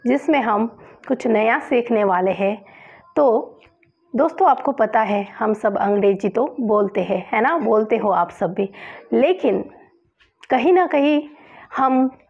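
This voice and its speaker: A woman's voice: mid-range voice, a little mellow, muffled recording. A woman teaching English pronunciation in a spoken lesson, spelling words letter by letter and patiently asking and answering her own questions.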